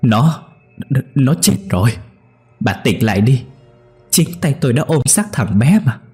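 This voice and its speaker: A man's voice: deep voice, normal speed, darkish tone, slightly rough, faint music behind. A man voicing a frightened middle-aged father who stammers in a horror story.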